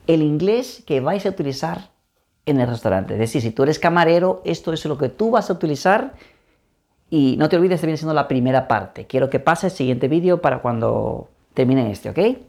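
A woman's voice: lowish voice, darkish tone. A young woman teaching phrases in a casual lesson, repeating them for practice. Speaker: YouTube English teacher.

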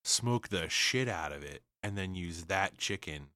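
A man with a very low voice and a bright, forceful tone, chatting on a podcast. He talks bluntly and with eagerness. The sound is close and dry. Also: lively intonation, a little slow, no echo. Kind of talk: casual chat.

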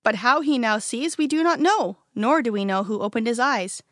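A woman's voice: fairly high pitch, normal speed, dry recording, studio quality, lightly acted. A woman reading as guarded, fearful parents. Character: cautious, fearful older parents. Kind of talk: storybook character reading.

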